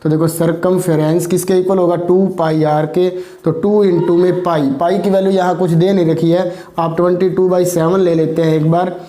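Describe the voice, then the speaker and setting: A man's voice: high voice, level tone, normal speed, mellow, reverberant. A male maths teacher working through problems step by step, asking and answering his own questions. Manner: explains with repeated rhetorical questions.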